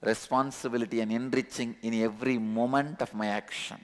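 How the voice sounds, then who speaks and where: A man with a Tamil accent teaches at a spiritual discourse in a large satsang hall, speaking earnestly and repeating key words for emphasis. His voice sits at medium pitch with fairly even intonation and a slightly quick pace. The hall's long reverb carries through the recording.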